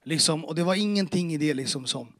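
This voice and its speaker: A man tells the story of his faith to a church crowd in a fairly high voice with lively intonation. His delivery is earnest, emotional and casual, sprinkled with street slang and dialogue he performs.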